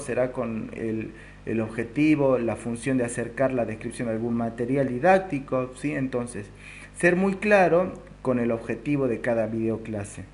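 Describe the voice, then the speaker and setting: A man teaching a recorded video lesson, explaining step by step and often checking in with a quick "¿sí?". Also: mid-range voice, a little mellow, slight background noise. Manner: explanatory, keeps adding a checking "¿sí?". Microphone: close to the recording device.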